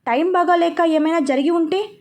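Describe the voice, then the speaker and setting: A woman's voice: very high voice, a little fast, a little mellow. A woman reading as an earnest remorseful young man.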